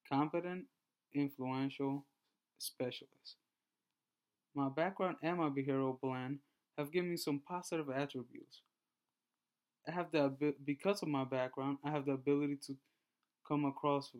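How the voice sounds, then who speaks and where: A man in his twenties from Honduras, giving a class presentation and reading through his slides in a measured way with small restarts. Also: mid-range voice, a little mellow, clean tone. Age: 20s. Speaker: student presenter.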